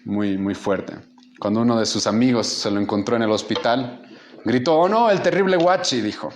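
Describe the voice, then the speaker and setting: A man's voice: medium pitch, darkish tone, a little hiss or hum. A man preaching a sermon as pastor, impassioned and rising in volume for emphasis.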